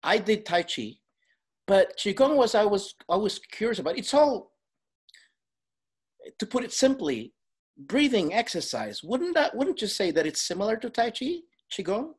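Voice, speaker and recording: Husky-voiced woman in her fifties, chatty. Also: mid-range voice, sing-song, normal speed, darkish tone. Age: 50s. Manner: chatty and self-deprecating, laughs often. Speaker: vlog host, interviewer. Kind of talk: casual interview chat.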